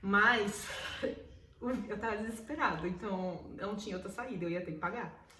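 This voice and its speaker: A woman's voice: medium pitch, moderate pace, pushed and bright, a little hiss or hum. A young Brazilian woman with a Brazilian Portuguese accent, telling a personal story to camera in a casual, emotional way and repeating words for emphasis. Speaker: vlogger. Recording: roomy echo, mic at a distance.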